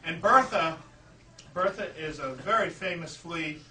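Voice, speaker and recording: A man's voice: on the high side, a little slow, pushed and bright. A man performing live stage comedy as a playful, grandiose flea circus showman, pattering to an audience with puns and mock announcements. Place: live indoor show before an audience. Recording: noisy, echoey room, distant mic.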